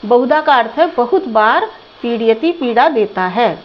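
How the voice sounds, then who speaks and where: Slow high-voiced woman teaching a lesson. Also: lively intonation, highs cut off. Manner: slow, repeats words and asks the class questions. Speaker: Sanskrit teacher. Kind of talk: line-by-line lesson translation.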